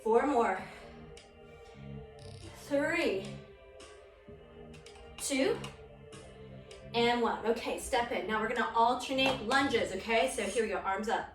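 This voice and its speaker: High-pitched woman aerobics instructor, roomy echo. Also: slow, pauses often. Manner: aerobics instructor delivery, short encouraging commands. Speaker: aerobics and core fitness instructor. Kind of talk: exercise class instruction with counted cues. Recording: roomy echo, distant mic, music underneath. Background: music.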